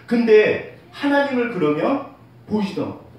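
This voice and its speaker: This man preaches from a church sanctuary in a high, sing-song voice with a darkish tone, keeping a moderate pace. Candid and heartfelt, he pokes light fun at himself with his congregation, captured far away in a very echoey hall with faint hiss.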